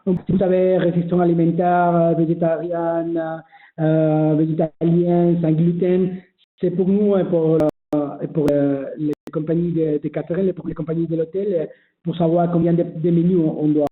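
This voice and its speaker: In echoey, phone-like webinar audio, a man who isn't a native French speaker explains how online registration works. His voice is on the high side with a level tone at normal speed, and his delivery is hesitant, full of fillers and restarts.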